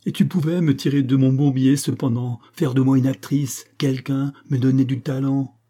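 A man's voice: mid-range voice, steady tone, moderate pace, dark tone, voice pushed up, lightly acted. A man voicing a bitter, heartbroken young woman who mocks and reproaches her lover in a raised voice. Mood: angry, anguished. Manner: mocking, reproachful, rising to cries.

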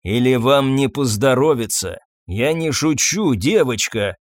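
A man's voice: mid-range voice, lively intonation, unhurried, no echo, natural voice. A man voicing a short, stocky, menacing armed thug in an audiobook, with a coarse, threatening manner and a very dry sound.

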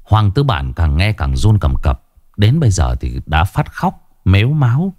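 A man's voice: deep voice, big pitch swings, a little slow, a little mellow, dry recording. A man narrating a ghost story dramatically, drawing out lines for suspense.

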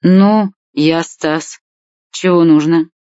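A woman's voice: fairly low pitch, fairly even intonation, takes it slowly, dark tone, dry recording, lo-fi sound. Woman voicing a crude, sleepy man of thirty. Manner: crude, casual.

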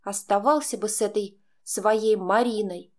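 A woman reads a first-person audiobook in a voice that is neither high nor low. Her storytelling is expressive and carries the emotion of the text. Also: a little slow. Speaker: audiobook narrator.

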